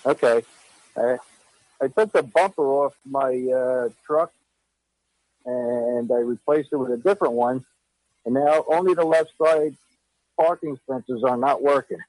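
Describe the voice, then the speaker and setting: A man from New Jersey calling in to a radio show over the phone, asking about a car part in a halting way, with many pauses. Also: medium pitch, darkish tone, no room sound. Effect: radio show caller heard over the phone line. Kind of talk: casual question to hosts.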